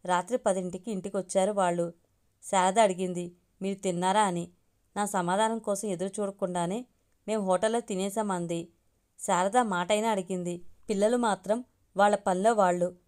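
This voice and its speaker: A woman reading a family story aloud, in a calm, steady first-person narration. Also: mid-range voice.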